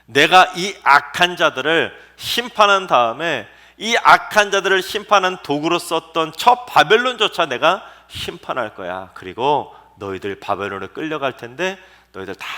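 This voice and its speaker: A male pastor acting out God calmly reassuring his prophet with promises. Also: fairly high pitch, normal speed, few pauses.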